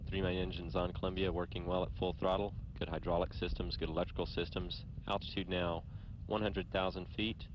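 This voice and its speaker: Deep voiced guy reading out rocket ascent numbers, measured and factual, muffled noisy old broadcast. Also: flat delivery. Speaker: mission control commentator. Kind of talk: live spaceflight ascent commentary. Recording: dull, noisy archival broadcast audio.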